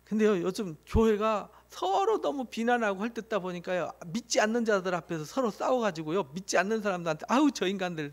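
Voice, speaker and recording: A male pastor with a notably high voice preaches to his congregation. He presses his points with rhetorical questions and animated emphasis, then sinks into hushed asides. His delivery sounds middle-aged and earnest. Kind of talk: sermon.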